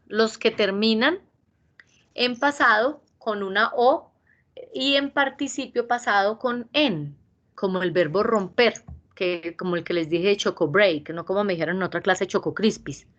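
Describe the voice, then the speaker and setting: A woman teaching an English class, patiently repeating verb forms slowly. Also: mid-range voice, fairly bright tone.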